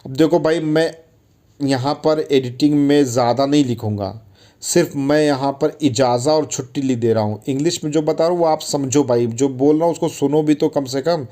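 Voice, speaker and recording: In a mellow, slightly high voice at a moderate pace, a man teaches Arabic words in a casual, chatty lesson. He often calls listeners "brother" and repeats each word so they can drill it.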